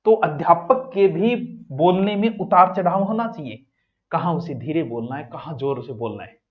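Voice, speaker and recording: A man teaching an exam coaching class in a lively, joking way, often moving between loud and soft speech. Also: a little high, normal speed, muffled recording.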